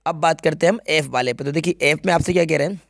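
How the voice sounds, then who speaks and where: A man's voice: fairly high pitch, fast, vocal fry, dry recording, studio quality. A man teaching English grammar, walking through an exam paper step by step and often checking that students follow. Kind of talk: exam paper walkthrough lesson.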